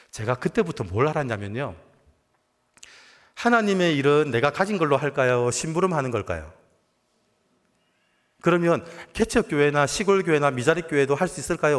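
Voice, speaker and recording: A male pastor preaching a sermon in a conversational storytelling way, often asking the congregation questions. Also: fairly high pitch. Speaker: guest pastor. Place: church sanctuary. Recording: long church reverb.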